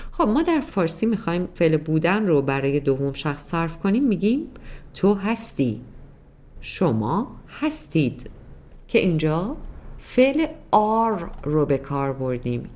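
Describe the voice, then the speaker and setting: A woman's voice: fairly low pitch, darkish tone. A woman teaching a beginner English grammar lesson in Persian, patiently explaining step by step and repeating examples. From Iran.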